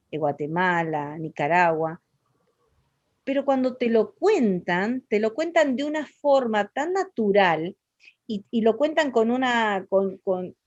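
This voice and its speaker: A woman's voice: mid-range voice, darkish tone, no room sound, lo-fi sound. An Argentine woman with an Argentine Spanish accent, talking expressively in a casual interview, with many fillers and restarts.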